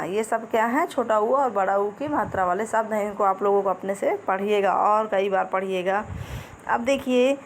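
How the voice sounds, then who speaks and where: A patient woman teaches young children a Hindi lesson online, repeating each word and chanting the rhyme slowly. Her voice sits a little high. A faint hiss runs under the recording. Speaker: primary school teacher.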